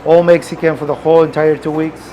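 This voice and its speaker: A man from Peru with a Peruvian Spanish accent, a restaurant owner who pauses often to find his words while talking in his kitchen. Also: on the high side, little pitch movement, dark tone, a little hiss or hum. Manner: halting, searching for words. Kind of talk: casual interview.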